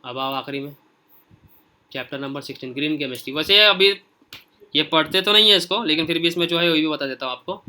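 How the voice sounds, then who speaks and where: A man leads a casual online lesson with a bright, forceful voice. He talks straight to his students and checks in often as he moves through the pages. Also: a little high, fast talker. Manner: informal, repeats "okay" often while scrolling through pages; speaks directly to students. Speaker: teacher. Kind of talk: casual screen-share lesson.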